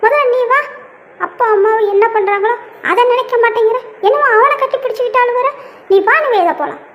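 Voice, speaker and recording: Angry cartoon big brother, very high squeaky scolding voice, dull lo-fi sound, voice actor. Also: a little fast. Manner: scolding, threatening. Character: angry protective older brother.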